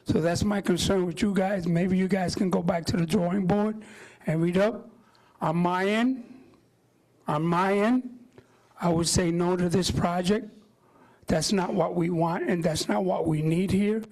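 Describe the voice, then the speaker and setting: A man giving an impassioned public comment at a community meeting, halting now and then. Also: high voice, fairly even intonation, a little mellow, poor audio. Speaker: community member speaking at public hearing.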